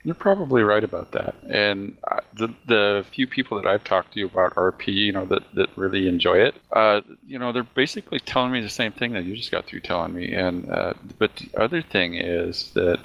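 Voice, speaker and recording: Man, very deep voice, podcast host, casual chat, halting, many "uh" and "you know". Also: vocal fry, dull audio.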